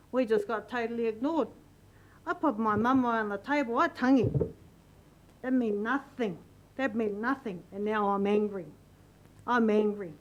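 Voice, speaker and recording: A woman addressing a council meeting as a Māori representative, emotional and halting, repeating her phrases. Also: fairly high pitch, low-quality recording. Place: council chamber.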